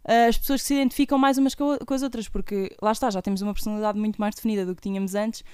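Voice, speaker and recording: Podcast co-host: female, around 20, European Portuguese accent, crisp voice, relaxed slangy conversation, dry recording. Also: mid-range voice, very fast, dry recording. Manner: informal, slangy. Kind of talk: casual chat.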